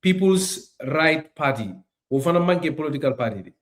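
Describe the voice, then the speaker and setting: A man's voice: a little high, lively intonation, normal speed. A man hosting an interview, pressing his guest with repeated, pointed questions. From Gambia. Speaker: interview host.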